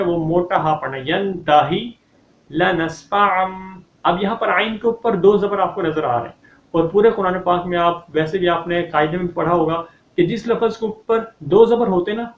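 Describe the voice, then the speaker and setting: Male recitation teacher, higher pitch, patient and methodical, keeps asking "okay?", slightly dull lo-fi sound. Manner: explains patiently, then recites verses slowly and louder; checks in often with a questioning "okay?". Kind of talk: tajweed lesson. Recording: echoey, slightly dull recording.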